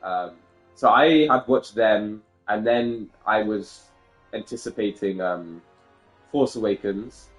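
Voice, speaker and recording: A man's voice: on the low side, slow pace, faint music behind, low-quality recording. A young man chatting casually and rambling with fillers, his mic cutting out so his volume keeps dropping and jumping on an online call. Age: young adult. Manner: rambling, lots of "like" and "um". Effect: mic cutting out, volume uneven and dropping quiet. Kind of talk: casual chat.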